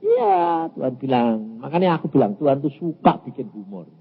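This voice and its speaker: A man's voice: medium pitch, lively intonation, brisk, slightly rough. A man in his eighties with a Javanese accent, preaching a story-filled sermon and acting out dialogue in many voices. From Indonesia. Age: 80s. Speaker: evangelist preacher. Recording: muffled lo-fi sermon recording.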